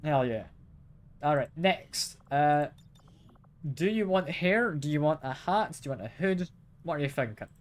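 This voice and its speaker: A man streaming a game live, chatting casually, asking his viewers questions and chuckling often. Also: on the high side. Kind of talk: casual live gameplay chat.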